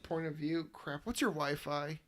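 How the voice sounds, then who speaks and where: Young man, host, late-night chat, sleepy, slightly high voice, joking. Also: measured pace, fairly bright tone. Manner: joking, laughs often, rambling restarts. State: sleepy, yawning. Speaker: podcast host.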